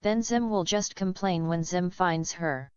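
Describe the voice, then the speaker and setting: A woman reading a fan-made cartoon story aloud in a plain, halting way. Her voice is lowish, smooth and clear, and the recording is close and dry but dull and lo-fi. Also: no room sound. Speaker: narrator.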